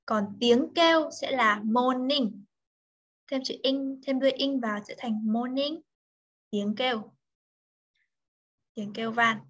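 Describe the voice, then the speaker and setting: A woman's voice: fairly high pitch, slow, long pauses. Patient woman tutoring over a video call. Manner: patient, correcting pronunciation word by word. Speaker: English tutor. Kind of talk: online English lesson, mixing Vietnamese and English. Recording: dull lo-fi video call audio.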